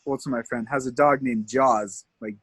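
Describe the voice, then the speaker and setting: A man's voice: medium pitch, steady tone, normal speed, a bit bright, breathy edge, no echo. A man from Canada, a tour guide, telling rambling stories in a casual interview, laughing often and leaning on fillers.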